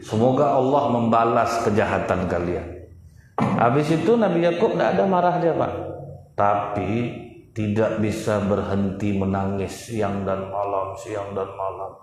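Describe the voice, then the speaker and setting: A man's voice: on the low side, a little slow, a little mellow, a little hiss or hum. A man preaching a sermon, telling a story and speaking directly to the congregation. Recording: echoey hall with long reverb.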